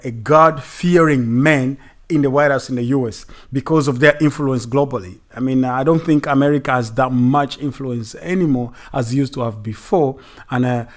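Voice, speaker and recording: A male livestream host with a middle-range voice who talks in a halting, repetitive way. He circles back over phrases and leans into preacher-like emphasis. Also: mid-range voice. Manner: hesitant, repeats phrases, many fillers. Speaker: show host. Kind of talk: livestream commentary.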